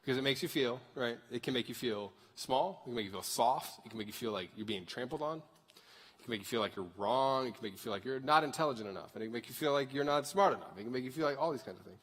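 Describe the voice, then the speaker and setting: A man's voice: medium pitch, animated, fast, a bit bright, breathy edge. A man of thirty preaching a conversational sermon to a church crowd and asking them to raise their hands. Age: 30s. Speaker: pastor. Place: large church sanctuary. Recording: long hall reverb.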